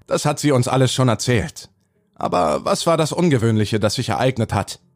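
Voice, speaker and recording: A man's voice: mid-range voice, expressive, a little fast, dry recording, studio quality, close to an everyday voice. A man playing a businesslike police interrogator who questions a witness formally in a horror audio drama. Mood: probing. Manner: formal, probing.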